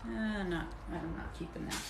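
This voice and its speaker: In her home soap workshop, a middle-aged woman with a lowish voice chats casually on a live stream at a normal speed while cutting soap. She rambles, talking between bites as she works, and the echoey room carries clear background noise.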